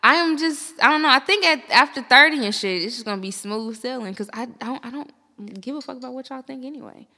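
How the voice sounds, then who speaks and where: A woman, hosting a podcast in animated, slangy, profane banter. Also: high voice, big-room sound. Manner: animated, slangy, quick to laugh. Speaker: podcast host.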